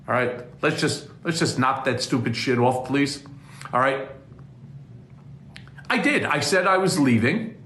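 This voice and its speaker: A man's voice: mid-range voice, lively intonation, unhurried, long pauses, a bit bright, slight background noise. A man ranting on a livestream in an exasperated, scolding way, telling off his chat. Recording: roomy echo.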